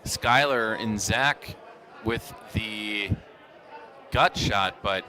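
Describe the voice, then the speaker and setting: A man giving live poker commentary as a tournament commentator, calling the play in a measured, unhurried way with pauses. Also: lowish voice, bright, forceful tone.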